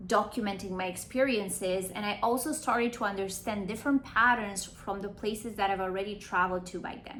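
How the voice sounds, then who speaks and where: A woman's voice: medium pitch, fairly bright tone, a little hiss or hum. A woman in her late twenties from Romania, an astrologer talking through her travels in a chatty vlog, often checking in with "right?". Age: late 20s. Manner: chatty, explains terms with tag questions. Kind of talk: casual explanatory vlog.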